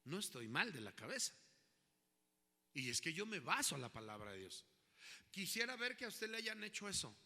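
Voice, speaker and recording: A man's voice: sits high, sing-song, moderate pace, pauses often, pushed and bright, big-room sound. A man preaching a sermon as pastor, asking his listeners questions and building in intensity.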